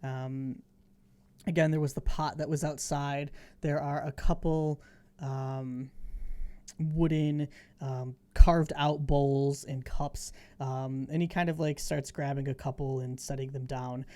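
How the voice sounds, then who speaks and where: A woman running a tabletop game, improvising scene narration piece by piece in a halting way. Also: extremely low pitch, steady tone, warm tone. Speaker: game master.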